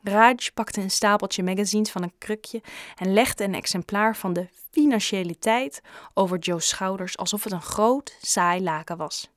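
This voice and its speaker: A woman narrating a children's story in a steady, even reading voice. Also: mid-range voice, measured pace, dry recording, clean studio sound. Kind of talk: audiobook narration.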